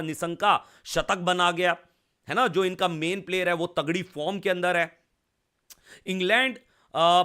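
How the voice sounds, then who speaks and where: A man's voice: high voice, pushed and bright. A young man from India talking cricket in a casual, chatty way, often calling the viewer brother. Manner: chatty, keeps saying bhai and bro. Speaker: cricket commentator.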